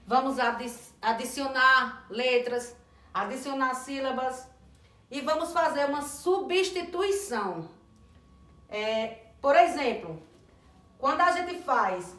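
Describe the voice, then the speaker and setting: Woman educator, high pitch, clear instructional delivery that spells out sounds slowly; roomy echo on the track. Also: a bit bright. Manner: slow, deliberate sounding out of words and letters. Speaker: teacher trainer. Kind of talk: instructional lesson on early literacy. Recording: echoey room.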